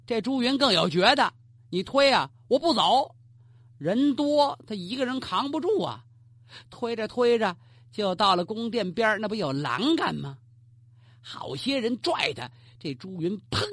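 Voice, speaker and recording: Husky storyteller doing an old court tale, super animated, dry close mic. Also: medium pitch, no room sound. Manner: animated, colloquial, asides to the listener. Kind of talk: traditional Chinese storytelling.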